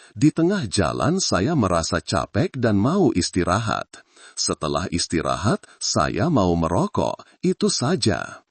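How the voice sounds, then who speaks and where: A humble old villager past sixty, as a deep-voiced storyteller puts him on, speaking politely and plainly with a lively lilt. The voice is husky and low, recorded dry and close. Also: male voice, no room sound, exaggerated voice. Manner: polite, plain-spoken, unhurried.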